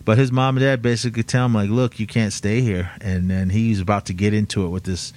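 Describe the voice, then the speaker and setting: A man with a somewhat low voice co-hosts a casual chat. He retells events in a rambling, halting way, full of restarts and fillers. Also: steady tone, darkish tone.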